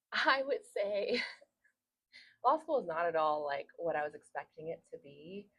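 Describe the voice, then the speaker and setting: A woman's voice: fairly low pitch, big pitch swings, takes it slowly, a bit bright, breathy edge, rough recording. A young woman from Hungary, a law student hosting a casual interview, chatty with frequent laughs and fillers.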